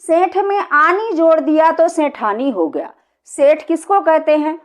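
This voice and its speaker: High-voiced woman teaching a grammar lesson. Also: lively intonation, a little slow. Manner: explains step by step, asks and answers own questions.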